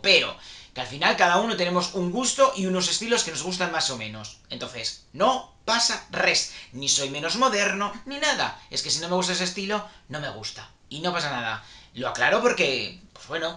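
Male vlogger, bright and sharp tone, talky and opinionated. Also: a little high. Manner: chatty, opinionated, reassuring the viewers. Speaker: music channel host. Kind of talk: casual opinion commentary. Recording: echoey room.

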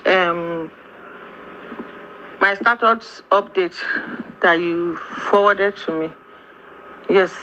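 A woman's voice: lowish voice, bright, forceful tone. A Nigerian woman speaking in a played-back voice message, accusing and emphatic, switching between English and Yoruba. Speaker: sender of a voice note. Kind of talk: angry personal voice message. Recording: dull lo-fi voice note with faint noise.

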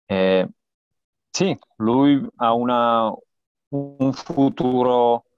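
A man in his thirties with a Slovak accent, a non-native speaker searching haltingly for words as an interview guest on a video call. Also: medium pitch, clean tone. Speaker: guest cycling journalist and podcaster. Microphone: earphone headset on a video call. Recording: dull, lo-fi video-call audio.

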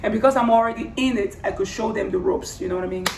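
A woman with a hoarse voice that is giving out, talking casually and earnestly in a personal vlog, rambling and repeating phrases for emphasis. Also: medium pitch, quick pace, a little mellow. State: hoarse, losing her voice. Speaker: vlogger. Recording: roomy, distant mic, faint background noise.

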